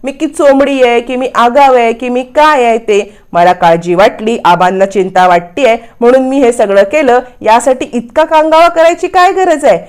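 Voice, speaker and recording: A woman's voice: a little high, moderate pace, hardly any pauses, clean tone, natural voice. A woman voicing a quarrelsome young wife who defends herself with rising, indignant questions.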